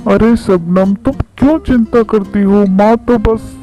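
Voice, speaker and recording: A man voicing a lazy, remorseful young pigeon husband in a cartoon story, talking slowly and apologetically. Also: high-pitched, pitched above the performer's own voice. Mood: apologetic. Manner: slow, pleading and apologetic. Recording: slightly dull lo-fi recording. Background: background music.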